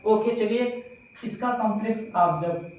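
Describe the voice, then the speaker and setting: A man teaching a slow grammar lesson to pupils, repeating points and asking them questions. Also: high voice, darkish tone, far from the mic. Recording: very echoey room, voice from off-mic.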